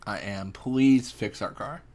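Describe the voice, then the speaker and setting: A man's voice: lowish voice, takes it slowly, darkish tone. A young man casually chatting and reacting while streaming a fishing game, laid-back and rambling as he answers chat.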